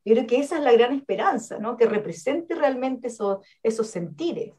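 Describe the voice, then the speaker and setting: Woman academic on a radio interview, kinda high voice, earnest, keeps saying "¿no?". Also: expressive, moderate pace, warm tone. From Chile. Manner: earnest and explanatory, frequent "¿no?" and "¿cierto?" tags. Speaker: academic guest.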